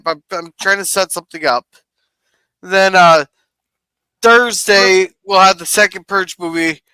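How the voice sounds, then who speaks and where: Bright, high-voiced man hosting a stream. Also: clear, resonant tone, dry recording, rough recording. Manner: loose and chatty, reads out viewer comments. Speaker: podcast host. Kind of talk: casual live-stream chat.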